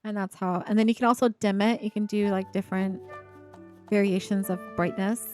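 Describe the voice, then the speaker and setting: A woman's voice: medium pitch, steady tone, fairly quick, a little mellow, soft background music. Playful woman with a slight Appalachian Ohio lilt. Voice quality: slight speech impediment. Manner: playful, laughs often, chats with viewers. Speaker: streamer. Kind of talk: casual live-stream chat while building.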